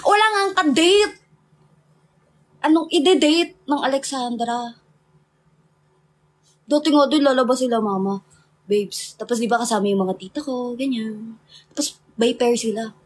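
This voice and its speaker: Chatty high-voiced Filipino young woman. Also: a little slow, pauses often. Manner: chatty, laughing, mixing English into Tagalog. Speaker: livestream host. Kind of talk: casual chat with viewers.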